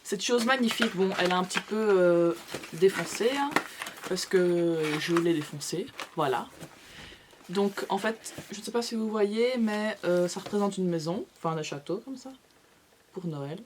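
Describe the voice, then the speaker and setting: A woman's voice: medium pitch, moderate pace, noisy background. A young woman vlogger in a casual haul video, chatty and gushing, with playful asides to her viewers. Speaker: beauty vlogger.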